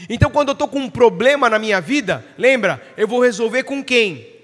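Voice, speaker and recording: A man's voice: very high voice, expressive, a little fast, a bit bright, big-room sound. A man preaching a sermon, emphatic and asking his listeners questions. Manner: emphatic, asks the congregation questions.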